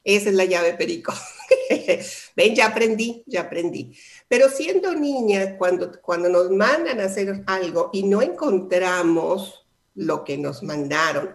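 A woman's voice: fairly low pitch, gravelly. A middle-aged woman hosts a motivational radio talk, telling stories and speaking straight to her listeners. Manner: warm storytelling, addresses listeners directly. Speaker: host, life coach.

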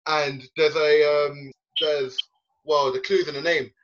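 A young man from East London co-hosting a podcast, earnestly recalling youth football training with halting fillers. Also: a little high, level tone, fairly bright tone. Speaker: podcast co-host, former youth player. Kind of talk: casual podcast chat. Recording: dull lo-fi podcast recording.

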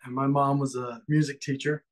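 A man from Ecuador, a musician and guest in an interview, talking in a relaxed, friendly and slightly halting way. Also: mid-range voice, low-quality recording. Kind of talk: casual interview conversation.

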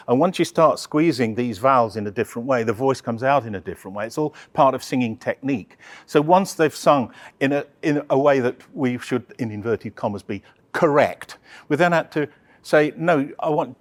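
A man presenting an opera project, answering audience questions in a chatty, halting way with many restarts. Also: medium pitch. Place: live talk session.

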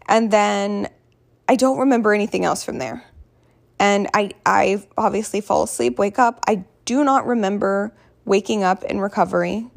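Woman, hoarse, gravelly fry, mid-range pitch, casual storytelling, candid and rambling, self-deprecating. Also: normal speed. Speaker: vlogger.

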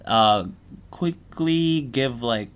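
A man's voice: medium pitch, very slow. Laid-back joking male podcast host. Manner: laid-back, jokey, says "nice" a lot. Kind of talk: casual podcast interview.

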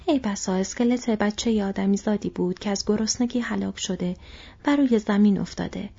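A woman narrates an audiobook in a very breathy, near-whispered voice, soft and hushed throughout. The sound is dull and lo-fi, lacking any crispness. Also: medium pitch. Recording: dull lo-fi recording.

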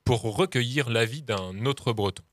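A man's voice: mid-range voice, unhurried, slight background noise. A man co-hosting, reading scripted comic narration in a dry, ironic way. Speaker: co-host narrator.

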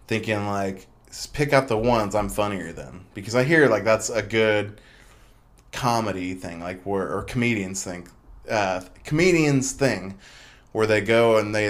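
A young man hosting his own podcast, talking casually in a rambling, chatty way full of fillers and restarts. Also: on the low side. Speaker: podcast host. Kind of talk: casual solo podcast monologue.

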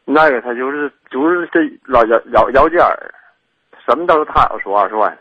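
Husky northeastern Chinese man, dull call audio. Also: medium pitch, lively intonation, a little fast, no echo. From Liaoning, northeast China. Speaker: caller seeking advice.

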